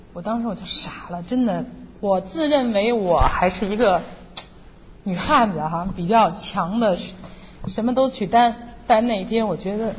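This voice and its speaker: Earnest woman testifying in a church hall. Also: medium pitch. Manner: earnest and emotional, re-enacting her own prayers. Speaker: church member giving testimony. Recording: muffled, reverberant hall with faint noise.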